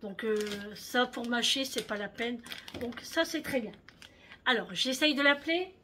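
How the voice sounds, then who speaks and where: A woman's voice: a little high, expressive, unhurried, pushed and bright, a little hiss or hum. A middle-aged woman chatting casually at home in a vlog, rambling with lots of fillers as she shows what she bought. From France. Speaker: vlogger. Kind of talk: casual haul vlog chat.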